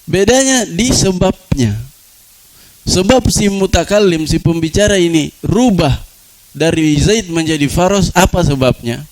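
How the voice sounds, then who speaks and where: A man's voice: a little slow, rough recording. Man lecturing, quizzing his class. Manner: asks the class rhetorical questions and answers them; repeats key words, drops to a low voice for examples. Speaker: Arabic grammar teacher.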